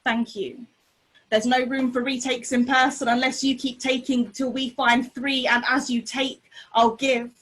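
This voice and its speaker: A woman slam poet performing spoken-word poetry with a deliberate, rhythmic, intense delivery. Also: high voice, flat delivery, a bit bright, poor audio. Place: remote online video call.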